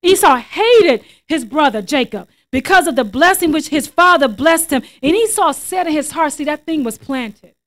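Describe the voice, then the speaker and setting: A woman's voice: sits high, animated, moderate pace, a bit bright. A woman pastor preaching a sermon, reading scripture aloud with emphasis and often repeating her words.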